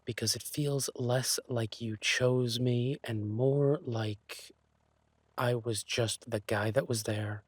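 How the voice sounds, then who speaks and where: A man playing an insecure, lovesick thief boyfriend in a romantic audio role-play, speaking haltingly and tenderly. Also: medium pitch, steady tone, no room sound. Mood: insecure, downcast. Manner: hesitant, halting, sighing delivery.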